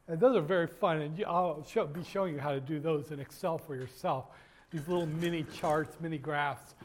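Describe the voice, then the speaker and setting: High-voiced man lecturing a class. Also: brisk. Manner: jokey, digressive, with many fillers and restarts; addresses students directly. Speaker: university finance lecturer. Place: university classroom.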